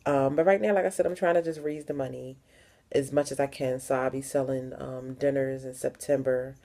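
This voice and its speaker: A Philadelphia-area vlogger, a young woman, talks to the camera fairly fast with fairly even intonation. Her voice is low and warm with a mellow quality, and her frank delivery relies on repeated words for emphasis.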